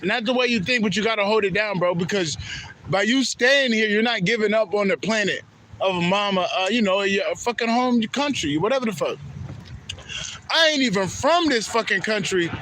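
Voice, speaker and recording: A man's voice: high-pitched, normal speed, sharp tone, slight background noise. A man from Haiti giving a rambling, profane spiritual monologue that repeats itself. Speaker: spiritual vlogger.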